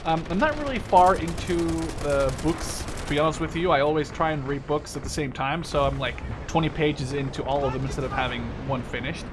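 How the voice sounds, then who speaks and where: With fairly high pitch and few pauses, a Dutch man in his twenties talks fairly quickly while playing a shooter for a gameplay video, his commentary casual and rambling, with frequent self-corrections as he focuses. Background noise includes loud in-game artillery and gunfire.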